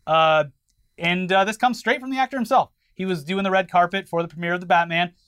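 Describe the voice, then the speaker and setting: A man's voice: high-pitched, a little fast, a bit bright, clear, resonant tone. A man co-hosting a podcast, chatting casually and wryly while he covers the news. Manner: wry, opinionated, covers the news. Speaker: podcast co-host. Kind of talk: casual chat.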